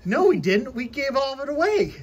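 A woman's voice: high voice, sing-song, brisk, darkish tone, highs cut off. A woman hosting a casual group chat on camera, chatty and playful, often giggling. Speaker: lottery scratcher channel host. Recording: faint background noise.

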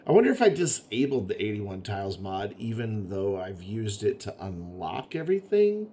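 A man's voice: lowish voice, big pitch swings, moderate pace, warm tone, slight background noise. A man giving casual, chatty commentary while playing a city-building game, thinking aloud and grumbling at the game now and then. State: has the hiccups. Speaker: gaming video host.

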